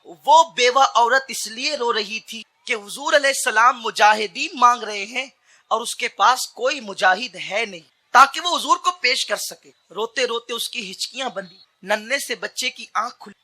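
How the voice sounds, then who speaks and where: A man preaching an impassioned sermon, swinging between shouted climaxes and hushed storytelling. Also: very high-pitched.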